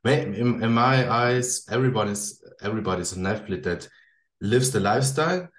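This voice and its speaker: A man's voice: lowish voice, normal speed. A man hosting a podcast interview, asking friendly questions in English with frequent hesitations and restarts. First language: German. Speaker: podcast host. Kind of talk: casual interview chat. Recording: echoey room.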